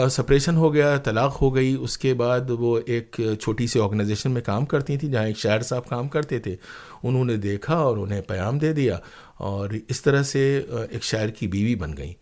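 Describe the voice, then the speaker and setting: An earnest Indian man, interviewed as a playwright and former radio broadcaster, tells stories in a reflective way. His mid-range voice is slightly mellow, and his manner is emphatic, marked by rhetorical questions and repeated phrases.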